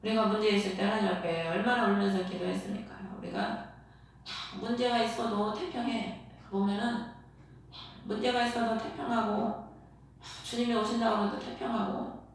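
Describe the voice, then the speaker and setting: A woman's voice: mid-range voice, a little hiss or hum. Woman pastor, earnest sermon delivery, heavy hall echo, distant mic. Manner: earnest preaching, asks rhetorical questions. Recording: echoey hall, voice from far off.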